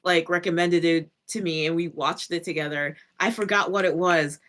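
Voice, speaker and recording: A woman's voice: fairly low pitch, fairly even intonation, normal speed, fairly bright tone. A woman with a Boston accent joins a podcast as a guest. She talks in a loose, chatty way and laughs easily between her thoughts. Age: adult, married. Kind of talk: casual chat.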